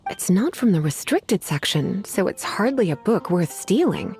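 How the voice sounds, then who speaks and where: A woman's voice: medium pitch, sing-song, gravelly. A teasing witch librarian. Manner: teasing, unhurried, calls others sweetie and cutie. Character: adult female witch librarian, teasing and languid. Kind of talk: game voice acting. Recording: game audio with soft music behind.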